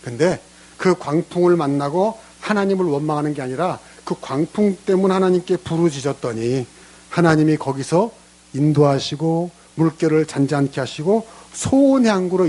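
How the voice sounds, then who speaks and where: A man preaching a sermon as a pastor in a church, acting out prayers and God's replies in different voices. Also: fairly high pitch. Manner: lively preaching, acts out prayers in character voices. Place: church sanctuary.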